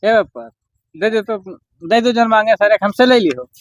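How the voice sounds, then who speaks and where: A man's voice: high-pitched, sing-song, moderate pace. A man playing a shiftless, argumentative drunkard son in an amateur village comedy, wheedling in an Awadhi accent. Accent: Awadhi, eastern Uttar Pradesh.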